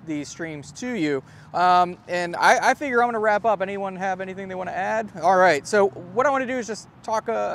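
A man in his thirties leads a lively history tour in an open churchyard, his voice sitting a little high. He is close on a lapel mic, with faint outdoor noise and passing traffic behind him. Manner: lively storyteller, gestures widely, reads notes from a phone. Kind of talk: live outdoor history talk. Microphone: clip-on lapel mic.

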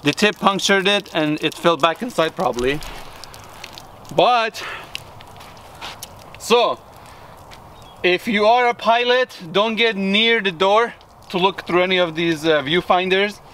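Man in his thirties, high-voiced vlog host, excitable, recorded outdoors with faint background noise. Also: takes it slowly, long pauses. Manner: excited, laughing often. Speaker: video host. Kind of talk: casual vlog commentary. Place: outdoors in an orchard.

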